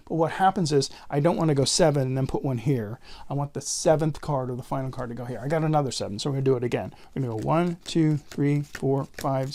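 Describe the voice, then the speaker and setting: A man's voice: mid-range voice, a little mellow. A man talking in casual card magician patter, explaining and counting aloud step by step like a tutorial presenter.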